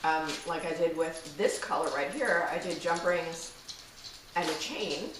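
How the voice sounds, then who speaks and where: A woman's voice: low-pitched, a little slow. A woman co-hosting a home crafting show, enthusiastic and giggly, often humming agreement. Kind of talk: casual crafting chat. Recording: echoey room, distant mic, faint background noise.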